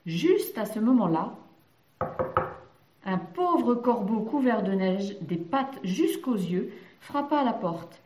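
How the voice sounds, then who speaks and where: A woman narrating a children's story gently. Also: medium pitch, sing-song, slow, slight background noise. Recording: roomy echoey recording.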